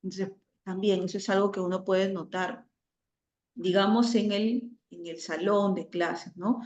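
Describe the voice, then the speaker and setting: A woman giving an online class lecture, often ending phrases with a questioning tag and pausing on fillers. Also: mid-range voice, steady tone, darkish tone. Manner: frequent "¿no?" tags and hesitations. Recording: roomy, dull lo-fi audio.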